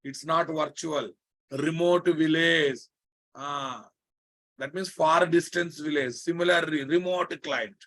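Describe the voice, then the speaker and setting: Teaching a live online technical class, this programming instructor speaks slowly in a voice on the high side, a bit bright, with fairly even intonation. He has a Telugu Indian accent, and he drives key phrases home through emphatic repetition while often checking that students are keeping up.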